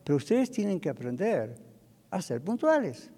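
A man's voice: high-pitched, sing-song, normal speed, warm tone, big-room sound. An older man preaching a sermon as pastor, telling stories emphatically and acting out the dialogue.

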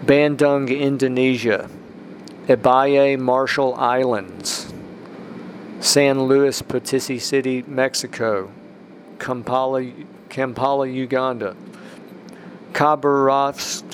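A man's voice: medium pitch, slight background noise. Rambling man hosting a faith podcast. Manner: rambling, with restarts and emphatic rises. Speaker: podcast host.

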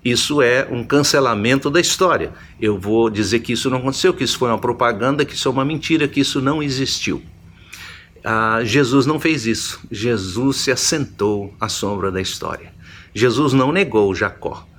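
A man's voice: medium pitch, brisk, fairly bright tone, a little hiss or hum. A man preaching a Bible teaching sermon, reflective, often repeating and restarting his phrases as he explains.

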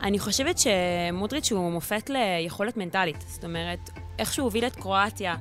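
Female sports radio panelist, measured, mid pitch, clear music bed behind. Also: fairly bright tone.

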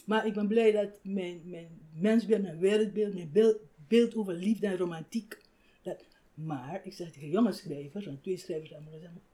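Older woman, warm animated storyteller. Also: on the low side, moderate pace. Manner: animated, acts out quoted voices, laughs often. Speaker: writer. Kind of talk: reflective conversational storytelling.

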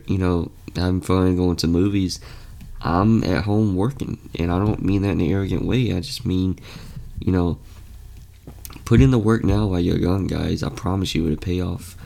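This young host, in his late teens, has a low, creaky, mellow voice. He talks casually and earnestly on his motivational podcast, often restarting and filling gaps.

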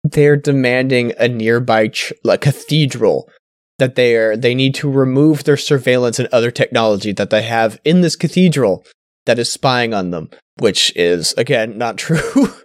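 A man's voice: medium pitch, no echo. Wry man with a dry close sound. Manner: wry, swearing, halting restarts. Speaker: podcast co-host. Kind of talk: casual chat, reading news stories.

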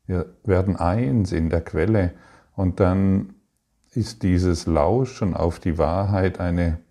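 A man giving a calm, reflective spiritual talk, speaking slowly with pauses and restarts. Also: low voice, gravelly. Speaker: spiritual teacher.

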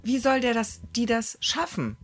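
A woman from Germany co-hosts a relaxed podcast, telling her story with indignation and emphatic repetition. Her pitch swings widely and lively as she gets worked up. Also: normal speed, slightly rough. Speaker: podcast co-host. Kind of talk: casual chat.

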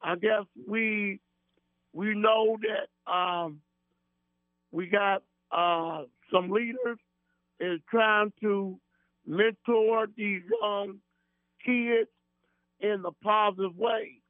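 Guy calling in to a radio show, tinny phone line w/ mains hum, high voice, slow and halting. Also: fairly even intonation, dry recording. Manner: halting, many fillers and restarts; earnest and folksy. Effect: radio show caller on a phone line. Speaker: caller. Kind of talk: call-in chat.

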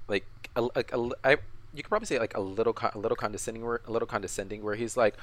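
A man's voice: lowish voice, racing. A man co-hosting a podcast, casually recapping an episode with many restarts and repeated words. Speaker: podcast co-host.

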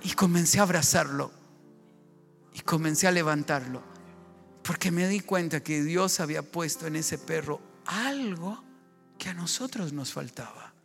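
A man who is a pastor, preaching a sermon at a family conference, moving from lively, loud storytelling to a hushed, slow prayer. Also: a little high, creaky, soft background music.

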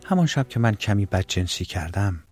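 A man voicing a playful, teasing middle-aged woman in an audiobook reading, speaking quickly and lightly. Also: lowish voice, big pitch swings, a little mellow, faint music behind.

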